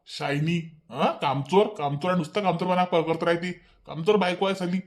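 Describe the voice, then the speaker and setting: A man voicing a bossy, petulant young husband in a cartoon, with a Vidarbha Marathi accent, nagging and repeating himself in rapid bursts. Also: sits high, fairly even intonation, lightly acted. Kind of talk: cartoon voice acting.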